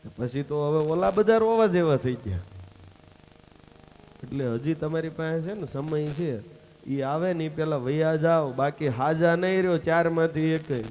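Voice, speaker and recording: A man's voice: a little high, normal speed, a little mellow, slight background noise. A man giving a religious sermon, telling a folk story and acting out its dialogue. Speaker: swami giving a religious discourse.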